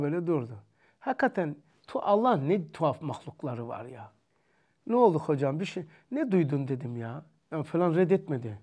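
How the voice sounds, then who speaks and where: A man with a Turkish accent teaching a religious lesson, emphatic and loud when preaching and softer when telling stories. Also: fairly high pitch.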